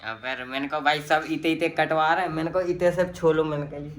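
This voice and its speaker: A man's voice: fairly high pitch, steady tone, brisk. Young male vlogger, rambling storyteller with a slightly raised voice and slang. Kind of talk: casual chat to camera.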